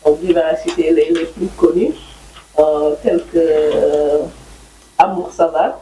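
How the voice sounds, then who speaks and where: A man's voice: a little high, fairly even intonation, takes it slowly, dark tone, echoey room, a little hiss or hum, poor audio. A man hosting an online interview who speaks formally, listing book titles and dates before asking his questions. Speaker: interview host.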